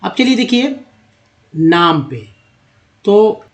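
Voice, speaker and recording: Very slowly and in a high voice with big pitch swings, a man teaches Hindi-to-English spelling on a board. He spells names letter by letter, repeats every word, and calls his viewers friends.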